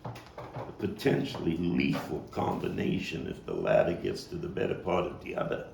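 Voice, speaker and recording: An actor-playwright performs his own monologue at a table read as a low, gravelly Brooklyn man, street-wise yet bookish, looking back on a hard childhood. He fully inhabits the character, reflective and wry, with a slightly mellow tone, big pitch swings, and halting delivery broken by dramatic pauses. A distant mic gives a roomy sound with faint noise.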